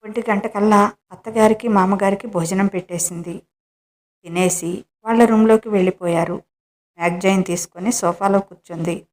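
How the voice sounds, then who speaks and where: Woman storyteller, measured scripted narration of a romance. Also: mid-range voice, steady tone, a little mellow.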